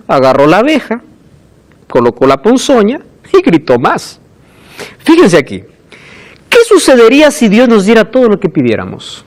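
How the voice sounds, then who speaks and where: A male pastor preaching a sermon, expressive and acting out the voices he quotes. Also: sits high.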